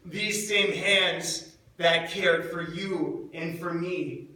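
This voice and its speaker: Man acting anguished Apostle John, high-voiced, echoing church. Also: sharp tone, exaggerated voice. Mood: anguished, horrified. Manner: halting, anguished, emotive delivery with repeated words. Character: grief-stricken, guilt-ridden Apostle John at the crucifixion. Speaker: actor in a church dramatic monologue. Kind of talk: theatrical dramatic monologue. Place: large echoing church indoors. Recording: echoey church, far from the mic.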